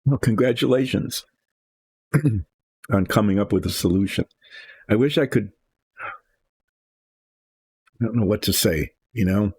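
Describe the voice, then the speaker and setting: An older man hosting a relaxed painting show, rambling and thinking aloud from his workshop as he works. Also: fairly low pitch, a little slow, pauses often, husky. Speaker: hobby painting host. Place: home workshop.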